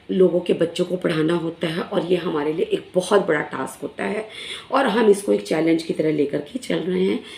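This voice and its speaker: A middle-aged primary school teacher, her throat hoarse and still recovering, speaks earnestly to fellow teachers into a phone camera held in selfie mode. Her voice is on the low side and a little mellow, and she pauses often with fillers as she casually explains things. The room is echoey.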